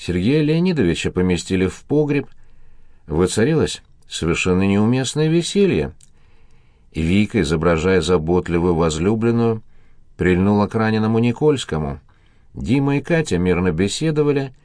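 A man narrating a detective novel as an audiobook, in an even, measured reading. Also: lowish voice, no echo, studio quality.

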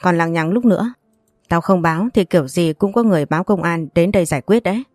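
A woman's voice: lowish voice, quick pace, a little mellow, dry recording, clean studio sound, lightly acted. A woman voicing a firm, reproachful older man who is the family elder in a read-aloud story.

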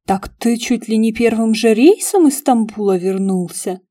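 A woman's voice: on the high side, very animated, moderate pace, warm tone, dry recording, studio quality. Woman reading as nosy, teasing young man.

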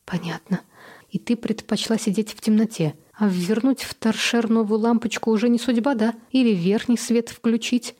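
A woman's voice: fairly high pitch, steady tone, moderate pace, dark tone, natural voice. Woman doing an exasperated grown daughter. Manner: weary, reasoning tone. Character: young adult daughter, patient but exasperated.

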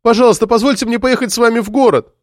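A woman's voice: a little high, quick pace, dry recording, clean studio sound, pitched above the performer's own voice, lightly acted. A man voicing a young servant woman who pleads breathlessly and urgently. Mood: pleading. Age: young adult.

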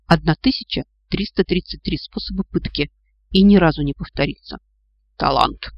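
A man's voice: on the high side, normal speed, vocal fry, no room sound, dull audio. A man voicing an awkward, fawning male sorcerer who apologizes politely while planning a sacrifice, in a storybook reading. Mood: wistful. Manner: ingratiating, sighing, apologetic.

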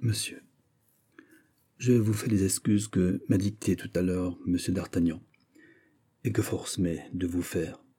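A man's voice: medium pitch, moderate pace, mellow, pitched above the performer's own voice, lightly acted. A man doing a bitter young nobleman. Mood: humbled. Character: resentful proud young male nobleman.

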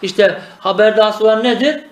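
A man's voice: sits high, normal speed, roomy sound. A man teaching Arabic grammar in a traditional lesson, asking questions and answering them himself. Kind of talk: traditional madrasa-style lesson.

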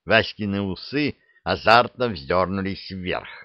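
A man narrating a comic fairy-tale audiobook in a lively, expressive storytelling manner. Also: low-pitched, a little slow, dry recording, dull audio.

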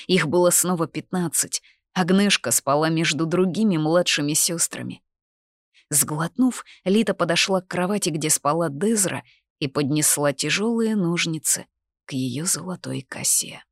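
An audiobook narrator with a low female voice reads a scripted fantasy story, telling it expressively and sometimes dropping to a hush. The recording is dry and close, with no room sound.

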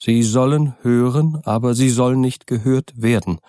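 A man's voice: medium pitch, normal speed, dark tone, no echo, clean studio sound, natural voice. A man voicing an old male butler, frightened and agitated, pleading with rising urgency. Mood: agitated, fearful.

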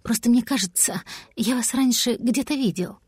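A woman voicing a young male wizard who speaks softly, politely and gently. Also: fairly high pitch, normal speed, breathy edge, no echo, clean studio sound. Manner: soft and quiet.

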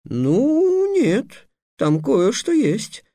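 A man voicing an excitable clever boy apprentice who talks high and agitated. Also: normal speed, no echo, studio quality. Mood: excited.

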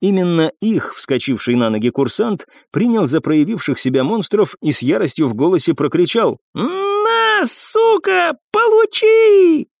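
Expressive male audiobook narrator, dry sound. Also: fairly high pitch, no echo. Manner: expressive, measured reading. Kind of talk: scripted narration.

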